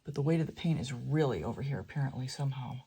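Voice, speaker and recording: A woman's voice: rumbling low, animated, fast, mellow, slightly rough. Chatty woman talking through an art tutorial. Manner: chatty, thinking aloud, drops to a whisper at times. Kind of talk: casual tutorial narration.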